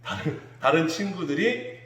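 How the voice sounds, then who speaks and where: A male children's pastor talks kids through a sermon, lively and playful, slipping into the voices of children. His pitch jumps up and down a lot. The sound is roomy, with a long church-hall reverb. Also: moderate pace, slight background noise. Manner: animated, acts out children's quotes. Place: church room.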